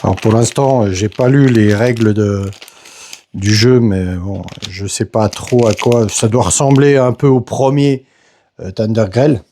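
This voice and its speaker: A man casually narrating a board game unboxing, hesitant and halting, filling pauses with little interjections as he handles each piece. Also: fairly low pitch, dark tone, a little hiss or hum. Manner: slow, hesitant, narrates each step with "voilà" and "hop".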